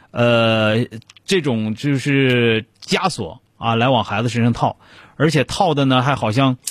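A man's voice: mid-range voice, no echo. A man hosting a radio call-in show, giving blunt, joking advice.

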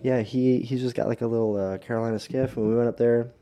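A man's voice: mid-range voice, steady tone, fast, warm tone, slight background noise. An American man co-hosting a podcast in casual, slangy frat-bro talk with heavy swearing. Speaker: podcast host. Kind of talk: casual chat.

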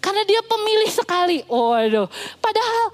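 A young adult woman pastor delivers a sermon in a lively, playful storytelling manner. Her voice sits high for a woman, and her delivery stays animated throughout. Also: normal speed.

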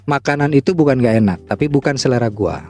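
A man's voice: medium pitch, fast, a little mellow, faint music behind. A man with a Jakarta Indonesian accent, hosting a podcast in casual comic banter with a joking, teasing manner. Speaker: podcast host.

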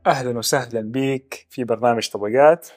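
A male interview host asks his questions at a very fast clip. His voice sits in an ordinary middle range. The sound is dry and close. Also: medium pitch, darkish tone, dry recording, faint music behind. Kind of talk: interview hosting.

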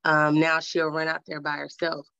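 A woman's voice: low-pitched, completely flat delivery, moderate pace, creaky, sharp tone, smooth, no room sound, dull audio. A woman in her thirties, chatting on a video call as a mother telling her story, rambling with many fillers and restarts. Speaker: guest, mother. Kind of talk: casual video call chat.

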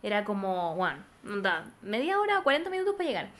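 A woman's voice: medium pitch, very animated, quick pace, fairly bright tone. A young adult woman with a Chilean accent, hosting a podcast in a playful, teasing casual chat. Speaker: podcast host.

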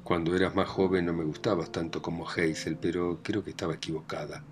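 A man's voice: low voice, level tone, fairly quick, slight background noise. A man with a Rioplatense accent voicing a domineering, meddling older mother in a read-aloud play. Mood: bossy, doting. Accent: Rioplatense Spanish. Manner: scolding, proud, meddling. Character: domineering aging mother of a grown family.

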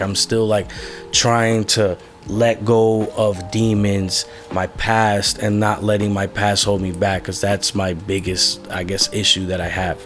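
In a candid personal conversation, a young male musician rambles about his life, swearing casually and filling gaps with lots of fillers. His voice is lowish and a bit bright.

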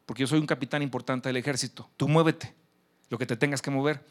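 A man voicing an arrogant high-ranking male navy captain who shouts orders during a sermon story. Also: steady tone, fast talker, lightly acted. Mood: bossy. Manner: blustering, bossy, shouting orders.

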